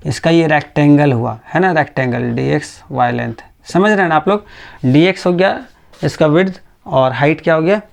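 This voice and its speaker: A man teaching physics in a gravelly, slightly raised voice. He speaks slowly and patiently, repeating points and keeping checking that his students follow. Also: fairly high pitch. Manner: patient, repetitive, checks understanding often. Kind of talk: classroom lecture.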